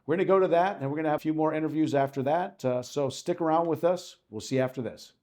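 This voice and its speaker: A man's voice: on the high side, fast talker, darkish tone. Upbeat man hosting an interview show. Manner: upbeat, chatty, frequent fillers. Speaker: host. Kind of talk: casual interview.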